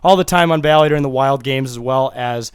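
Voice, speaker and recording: A man's voice: medium pitch, a little fast, smooth, dry recording. Dry-voiced young male podcast host. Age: 20s. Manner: joking, self-deprecating. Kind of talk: casual chat.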